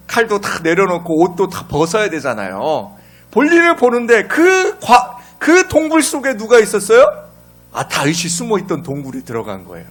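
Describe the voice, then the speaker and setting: A man preaching a sermon as pastor, dramatic, asking his congregation questions and swinging between loud and hushed. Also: sits high.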